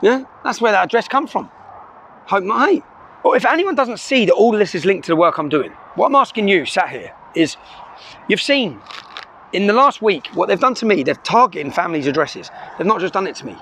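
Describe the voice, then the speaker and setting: A man's voice: high voice, very animated, a little fast, fairly bright tone, slight background noise. A middle-aged man, speaking urgently and emphatically to the camera from inside a car, tagging his sentences with "yeah?". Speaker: vlogger. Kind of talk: impassioned address to camera. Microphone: camera filming in the car.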